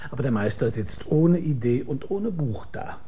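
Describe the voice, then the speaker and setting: In a German radio crime drama, a man acts as a sardonic, shrewd private detective who narrates his own story in the first person. He sounds smug as he explains things, with dry, mocking, deliberate storytelling. His medium-pitched voice is animated and dark-toned with a breathy edge.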